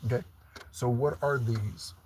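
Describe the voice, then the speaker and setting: Man, preacher, informal live sermon, mid-pitched, repeated rhetorical questions, frequent check-ins, light background noise with ticks. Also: measured pace, a little mellow. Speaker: preacher leading an online Sunday service.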